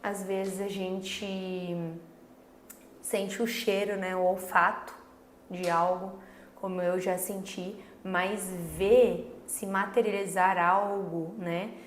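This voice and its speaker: A Brazilian woman in her thirties telling a faith story about her son in an earnest, slow, casual way, full of little filler tags. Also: mid-range voice, flat delivery. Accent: Brazilian Portuguese. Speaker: mother sharing a faith story. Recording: echoey room with faint background noise.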